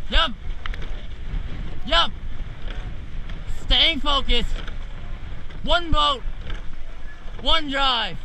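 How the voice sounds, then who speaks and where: A teenage male coxswain with a very high, piercingly bright voice. He calls race commands in short, urgent, repeated bursts, spaced out at a slow pace. It is recorded outdoors on a boat with faint wind and water noise. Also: poor audio. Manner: urgent, clipped, repetitive commands. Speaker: rowing coxswain. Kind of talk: shouted race calls to a rowing crew. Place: outdoors in a racing shell on a lake. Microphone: camera mounted on the boat near the speaker.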